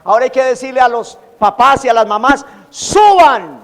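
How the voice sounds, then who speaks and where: A man preaching a sermon as pastor, animated, acting out quoted taunts. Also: extremely high pitch, fast. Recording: long hall reverb.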